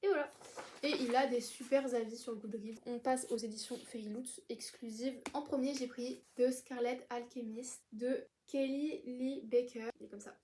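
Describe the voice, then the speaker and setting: A woman's voice: on the high side, steady tone, moderate pace, a little mellow, slight background noise. Chatty young woman rambling about books. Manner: chatty, rambling, many fillers and restarts. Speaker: book vlogger. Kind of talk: casual book haul chat.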